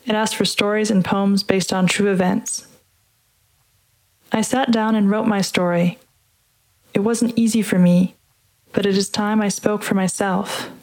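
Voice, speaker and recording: A woman reading a narrative piece aloud and introducing the program in a measured, deliberate way. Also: mid-range voice, fairly even intonation, a little mellow. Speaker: podcast host and reader. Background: music underneath.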